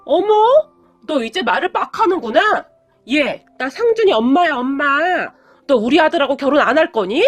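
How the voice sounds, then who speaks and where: A woman's voice: sits high, very animated, normal speed, no room sound, faint music behind. A woman voicing a condescending, nagging middle-aged mother in a read-aloud story. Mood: sneering.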